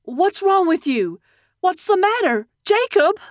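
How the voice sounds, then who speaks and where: A woman's voice: very high voice, sing-song, measured pace, no room sound, studio quality, voice pushed up, exaggerated voice. A woman voicing a frightened mother who calls out in urgent, pleading cries. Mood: alarmed.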